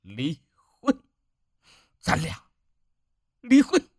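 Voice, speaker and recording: A man's voice: a little high, wildly swooping pitch, very slow, no echo, studio quality, full character voice. A man doing a drunk, furious village husband. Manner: shouting, bitter.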